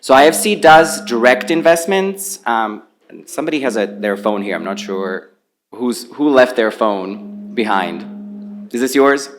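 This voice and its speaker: A man from Bosnia, not a native English speaker, giving a relaxed, conversational presentation into a handheld mic at a conference. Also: medium pitch, a little slow. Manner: relaxed, conversational, walks around while speaking. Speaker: panel speaker on climate finance. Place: conference venue with a live audience. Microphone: handheld microphone.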